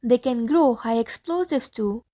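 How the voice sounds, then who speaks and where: A woman's voice: a little high, a little slow, mellow. A woman reading as a pompous Martian leader. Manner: pompous, alarmed, commanding. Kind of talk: audiobook play reading.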